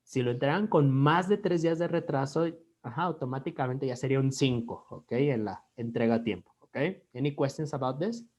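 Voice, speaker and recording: A male English teacher with a Mexican accent goes through a grading rubric in an online class. He mixes Spanish and English and keeps checking in with "ok?" between short phrases. His pitch sits in a middling range for a man. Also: moderate pace, few pauses, a little mellow. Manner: switches between Spanish and English, says "ok?" after nearly every phrase.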